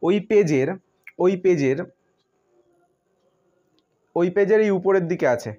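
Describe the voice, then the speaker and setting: A man's voice: high voice, takes it slowly, dark tone. A man teaching a school science lesson, often repeating himself and spelling out terms letter by letter. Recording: dull lo-fi sound.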